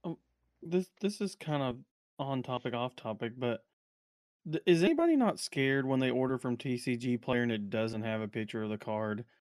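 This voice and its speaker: A man's voice: medium pitch, lively intonation, normal speed, darkish tone, no room sound. A man co-hosting a card game podcast, teasing the others and laughing often in casual chat. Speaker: podcast co-host.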